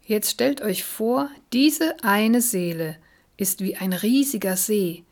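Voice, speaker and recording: A woman voicing a gentle, wise animal friend in a storybook reading, explaining calmly and patiently. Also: mid-range voice, slow. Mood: patient, warm.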